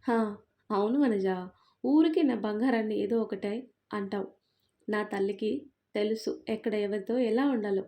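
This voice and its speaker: A gentle father in middle age who dotes on his daughter and coaxes her along in a soft voice, as a woman puts him on. The tone is warm and mellow, a storybook telling. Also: mid-range voice, moderate pace, long pauses, natural voice. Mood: tender. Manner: soft and coaxing. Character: doting middle-aged father, gentle and indulgent.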